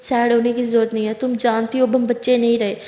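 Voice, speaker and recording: A woman voicing a reserved, stern middle-aged mother who speaks quietly and curtly. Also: on the high side, level tone, fast talker, close to an everyday voice. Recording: echoey room with long reverb.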